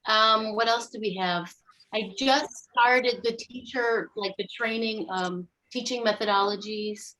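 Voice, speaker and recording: A woman from the United States talks with her yoga teacher over a video call. Her voice sits fairly high, and she speaks in a friendly, relaxed way, pausing with fillers as she recalls things. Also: rough recording. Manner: friendly, hesitant, many fillers while recalling. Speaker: yoga student. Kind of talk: casual conversation.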